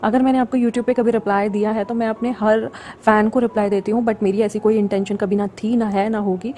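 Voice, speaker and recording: A woman's voice: medium pitch, little pitch movement, brisk, mellow, slight background noise. A woman hosting her story channel, talking casually and frankly to viewers and scolding a pushy fan. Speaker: channel host and story narrator. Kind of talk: casual direct address to viewers.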